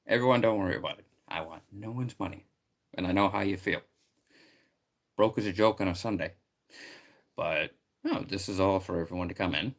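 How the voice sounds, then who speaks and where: A man chatting casually on a live stream, rambling and excitable, greeting viewers loudly. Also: deep voice, a little fast, pauses often.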